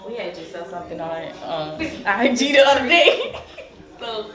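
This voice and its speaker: A woman's voice: mid-range voice, sing-song, moderate pace. A woman in her twenties in a frank, direct casual chat, asking questions in a bedroom, picked up by the camera mic. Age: 20s. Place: bedroom indoors. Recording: dull, echoey room with loud music.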